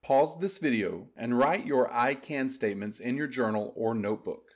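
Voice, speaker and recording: A man's voice: mid-range voice, animated, normal speed. Patient man narrating a language lesson. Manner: clear, patient, step-by-step directions. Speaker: language teacher. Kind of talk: scripted instructional narration.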